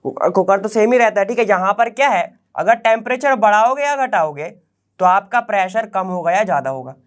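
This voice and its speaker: A man gives a chemistry lesson for exam prep in a relaxed, conversational way. He keeps posing rhetorical questions and checking that his students follow. He mixes English technical terms into his everyday speech. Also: high-pitched, a little fast. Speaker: chemistry teacher. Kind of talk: online exam-prep lecture.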